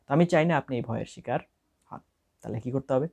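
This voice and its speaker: Casting: young adult Bangladeshi-accented man, tutor voice, quick delivery, gravelly texture, mixes English phrases into his lesson. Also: medium pitch, a little mellow. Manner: explaining with many English phrases mixed in. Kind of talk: spoken lesson to camera.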